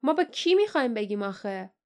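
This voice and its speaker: A woman's voice: a little high, big pitch swings. A woman voicing a blunt, defiant former palace guard in an audiobook. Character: gruff, proud former palace guard man.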